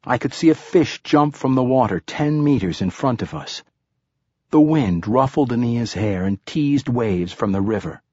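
A man narrating an audiobook in a steady, measured storytelling manner. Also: mid-range voice, breathy edge, dry recording, clean studio sound.

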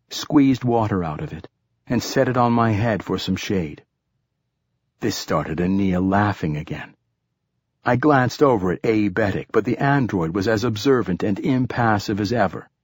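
Husky low-voiced male narrator. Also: no room sound. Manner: steady, measured storytelling. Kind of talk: scripted audiobook narration.

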